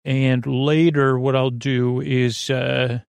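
A man hosts a sleep podcast, delivering a rambling, conversational bedtime monologue that halts and drifts into tangents. His gravelly, mid-range voice has a flat delivery with no room sound.

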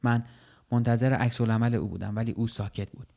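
Man calmly reading a literary story. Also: medium pitch, creaky. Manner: measured, steady literary reading. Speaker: narrator. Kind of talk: scripted narration of a short story.

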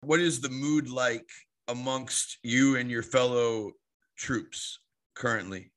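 Lisping male podcast host, bright voice. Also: medium pitch, fairly even intonation, slow pace. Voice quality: lisping, slushy s sounds after oral surgery. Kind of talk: podcast intro and interviewing.

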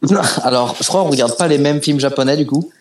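Un homme qui se moque bruyamment de ses amis pendant un jeu. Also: male voice, on the high side, quick pace, reverberant, a little hiss or hum. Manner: loud, mocking banter.

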